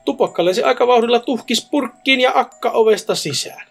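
A man's voice: very high-pitched, creaky, faint music behind. A man reading ghost stories aloud in a casual podcast chat, adding wry jokes between them. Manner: joking, wry asides. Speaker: co-host reading listener stories.

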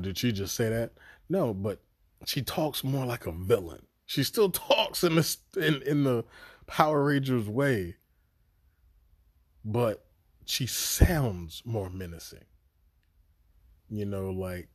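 A man talking through a show review on his podcast in a loose, rambling, profane way, with sudden excited bursts. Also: lowish voice, slightly rough, dry recording, studio quality. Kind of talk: casual spoken review.

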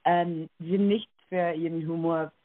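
A young woman from Ireland, speaking with an Irish accent, answers interview questions as a guest, hesitating often with filler sounds and self-corrections. Her lowish voice stays fairly even and unhurried, and the recording is dry and tinny, like a phone line.

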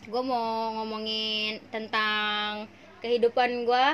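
A woman's voice: on the high side, level tone, slow pace, fairly bright tone, slight background noise. A young woman hosting a casual podcast, playful and slangy, laughing often. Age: young adult. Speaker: podcast host.

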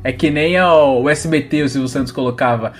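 A man's voice: medium pitch, fairly quick. A young man with a Brazilian Portuguese accent, joking and swearing casually as he banters on a podcast. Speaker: podcast co-host. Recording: music behind the voice.

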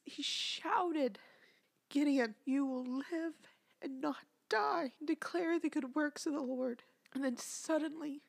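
A woman telling the story of her son's birth as an earnest faith testimony, often dropping to a soft whisper. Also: high voice, creaky.

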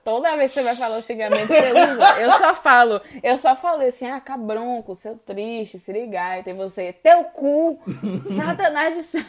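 A woman's voice: a little high, fairly quick, hardly any pauses, over a noisy crowd. A young woman, a co-host chatting casually and teasing her partner during a word game. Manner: teasing, mock-dramatic. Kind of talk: casual chat while playing a word game.

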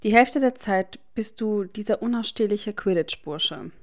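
A woman voicing a guarded, sharp-tongued teenage wizard boy with a dry, teasing manner. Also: medium pitch, measured pace, natural voice.

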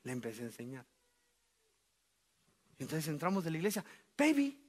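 A middle-aged man preaching a sermon as pastor, animated and joking, speaking straight to the congregation. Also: on the high side, fairly quick. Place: church sanctuary.

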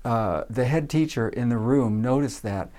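A man's voice: mid-range voice, normal speed. Man casually telling a daycare story. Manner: relaxed, many uh fillers, acts out voices in quotes.

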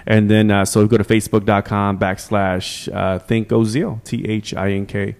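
A man guesting on a podcast, laid-back and chatty, quick to laugh. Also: on the low side, flat delivery, creaky, darkish tone. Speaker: podcast guest, group organizer. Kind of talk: casual podcast conversation.

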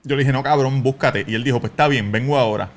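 A man's voice: mid-range voice, fast talker. A man with a Puerto Rican accent, co-hosting a podcast and telling a story with lots of acted-out quotes. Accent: Puerto Rican Spanish. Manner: animated storyteller, acts out quotes, bursts into laughing shouts. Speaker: podcast co-host. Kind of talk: casual storytelling chat.

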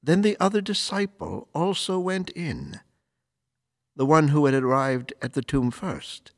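A man reading scripture and preaching as clergy, solemn and deliberate, with measured pauses. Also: fairly high pitch, very animated, no room sound, clean studio sound. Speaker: priest or deacon reading the Gospel and preaching. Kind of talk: liturgical scripture reading and homily.

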